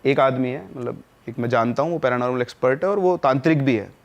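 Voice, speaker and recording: Give me a man with a middle-pitched voice telling a spooky story, quiet at tense moments. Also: quick pace, muffled recording. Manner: conversational, drops voice at tense moments. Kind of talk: casual spoken horror storytelling.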